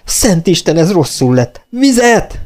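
Man voicing a naive male recruit, high and cheerful, chatty, oblivious, warm tone, storybook audiobook. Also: animated.

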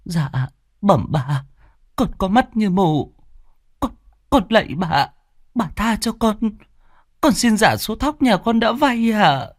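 A man's voice: high-pitched, very animated, slow pace, pauses often, no echo, studio quality, pitched above the performer's own voice, heavily acted. Man doing a trembling, pleading peasant woman. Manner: trembling, stammering pleas. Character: poor young peasant woman, frightened and pleading.

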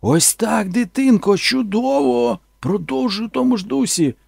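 A man voicing an excitable, bossy male film director who shouts his orders in an audiobook. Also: extremely high pitch, unhurried, gravelly, husky, dry recording, studio quality, voice pushed up, full character voice. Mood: shouting. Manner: shouting, enthusiastic. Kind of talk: audiobook character voice.

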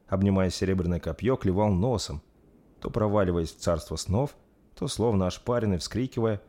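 A man narrating an audiobook story in an even, measured way. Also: deep voice.

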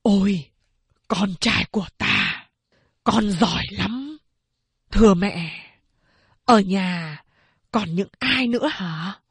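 A woman voicing a strong, stern man speaking in a grave, measured way. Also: mid-range voice, husky, no room sound, exaggerated voice. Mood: solemn. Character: stern, strong man, grieving father and fugitive.

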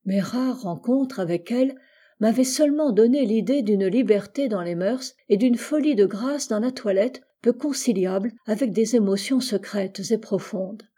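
Mellow, husky woman reading a novel aloud. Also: a little high, normal speed. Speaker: audiobook reader. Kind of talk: scripted literary narration.

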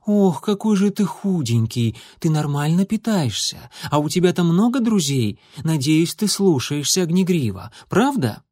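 A man voicing a gentle, chatty female house cat who fusses over her kitten in a storybook reading. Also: on the high side, a little slow, no room sound, studio quality, close to an everyday voice. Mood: doting. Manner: fussing, purring, breathless questions.

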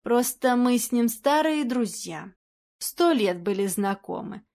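A jittery aging actress, flustered and anxious, her questions tumbling out one after another, as a woman reads her in a storybook. She sounds uneasy and quick to startle. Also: fairly high pitch, animated, darkish tone. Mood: wary. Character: nervous aging woman film actress, jumpy.

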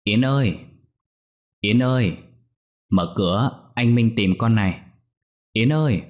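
A man's voice: low-pitched, a little fast, natural voice. A man voicing an elderly father who calls out and breaks into a cracking, wailing cry. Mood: calling out. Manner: calls out loudly, voice cracking into a wail. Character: elderly father, anxious then grief-stricken.

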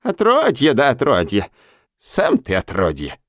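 A man voicing a spiteful old female hag spirit who talks in a slow, sneering drawl. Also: medium pitch, huge pitch swings, no echo, studio quality, pitched above the performer's own voice.

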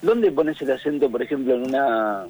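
Speaking casually on the radio through a phone line, with faint music behind, is a middle-aged columnist with a Rioplatense Spanish accent. His mid-range voice is expressive, husky and darkish at a normal speed, and the audio is poor. He is thoughtful, feels for his words, and sometimes hums rhythms.

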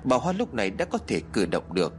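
A man narrating a horror story with dramatic, lively delivery. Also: fairly low pitch, brisk, soft background music.

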